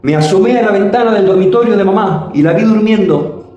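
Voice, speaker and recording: A man recounts a spiritual experience with lots of drama. His slightly high voice swoops up and down, and he stretches some phrases out slowly. The recording has heavy room echo. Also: mellow, muffled recording. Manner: dramatic, swooping pitch with slow drawn-out phrases. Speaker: spiritual storyteller. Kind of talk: personal testimony. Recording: very echoey room.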